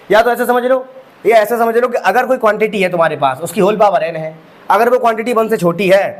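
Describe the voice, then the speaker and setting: High-voiced male maths teacher quizzing students. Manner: talks students through each step with rhetorical questions; addresses students as bhai sahab. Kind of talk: exam-prep lecture.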